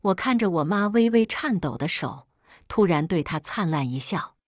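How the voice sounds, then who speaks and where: A woman's voice: fairly low pitch, lively intonation, normal speed, no echo, studio quality. A woman reading a family drama aloud as a scripted first-person narration, telling it expressively. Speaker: storyteller.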